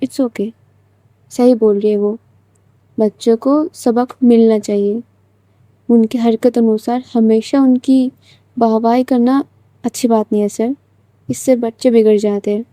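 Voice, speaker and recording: Woman doing a calm polite female teacher. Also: fairly high pitch, measured pace, long pauses, no room sound, lightly acted.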